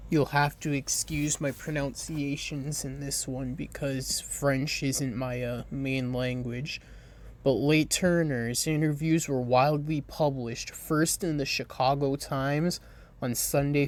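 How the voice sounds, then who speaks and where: A man with a medium-pitched voice hosts a true crime podcast, reading his script haltingly. He trips over names and throws in blunt asides laced with swearing.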